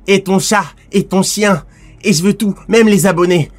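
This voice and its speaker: A man's voice: high voice, fairly even intonation, moderate pace, close to an everyday voice. A man voicing a lewd, taunting anime villain in a comic improvised dub, crude and teasing in a familiar way.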